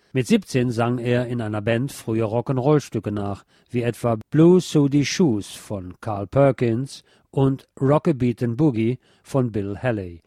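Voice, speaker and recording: A radio host with a soft, mellow, medium-pitched voice narrates a scripted feature on music history. The recording is very dry and close, with no echo or room sound.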